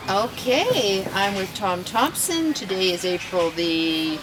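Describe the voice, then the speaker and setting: A woman's voice: mid-range voice, very animated, slow. A woman in her sixties conducting a conversational oral history interview. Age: 60s. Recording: noisy recording with ambient sound.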